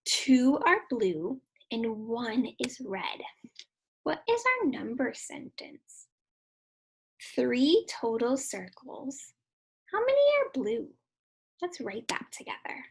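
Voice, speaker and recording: A woman's voice: fairly high pitch, animated, slow pace, gravelly. A woman teaching young children in an encouraging, sing-song kids show host manner, addressing them directly as she counts and instructs. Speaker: kindergarten math teacher.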